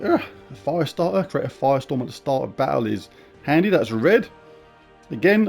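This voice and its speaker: A man talks casually through a game preview, his voice gravelly with a lot of rise and fall. He is chatty and informal and gives blunt opinions, while faint music plays behind him. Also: fairly high pitch, darkish tone. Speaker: gaming YouTuber.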